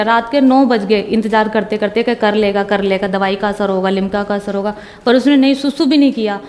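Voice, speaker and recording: A woman's voice: on the high side, warm tone. A woman giving an emotional personal testimony, retelling conversations with repeated "I said". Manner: repetitive, retells dialogue with "I said". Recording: long hall reverb.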